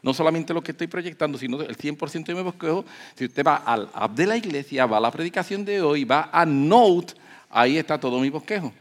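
A man preaching a sermon, moving from calm teaching to loud emphatic peaks and acting out the voices of people in the story. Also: a little high, brisk. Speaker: pastor.

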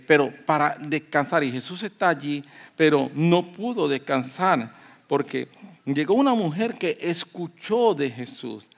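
Guy preaching a sermon, kinda high voice, acts out the people in the story and gets loud. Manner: builds from calm teaching to loud, high-pitched emphatic peaks. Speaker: pastor.

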